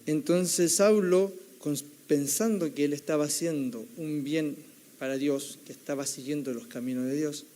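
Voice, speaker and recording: A young man delivers a sermon in a slightly high voice. His tone is mellow and warm rather than bright. He tells the story conversationally, often checking in with the listeners through a tag question. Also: unhurried. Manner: keeps adding the tag question "right?", storytelling tone. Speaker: theology student preaching.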